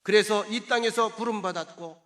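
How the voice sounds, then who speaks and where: Male pastor giving an emphatic sermon, high voice, bright and forceful, calls for responses. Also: normal speed. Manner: acts out quoted voices in conversational asides.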